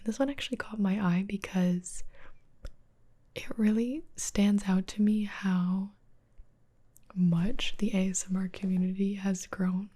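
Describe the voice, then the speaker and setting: Woman, whispered ASMR reaction, mellow, husky, chatty with fillers. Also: mid-range voice, steady tone, measured pace.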